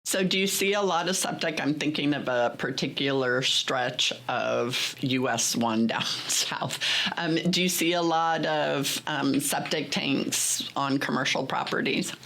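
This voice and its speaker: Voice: medium pitch, measured pace, creaky, pushed and bright. A podcast host asking questions and making joking asides in a friendly way. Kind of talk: podcast interview.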